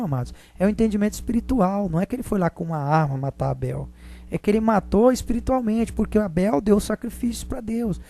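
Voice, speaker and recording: Preacher, mellow, repetitive sermon, keeps asking "né?", calls the flock beloved. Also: medium pitch, slight background noise. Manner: repetitive, tags nearly every phrase with a questioning "né?"; addresses listeners as "beloved".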